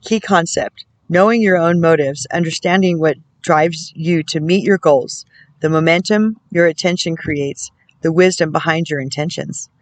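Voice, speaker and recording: A woman working as a spiritual counselor, reading oracle card texts aloud in a measured way and breaking off now and then to muse and comment to herself. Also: deep voice, no echo, rough recording. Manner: measured reading broken by musing, self-amused comments.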